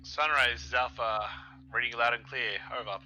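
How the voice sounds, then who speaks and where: A man replies over a distant radio in a military sim game, his voice sharp and bright. He speaks in brisk, formal call-and-response radio procedure. Faint music sits under him. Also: medium pitch, steady tone.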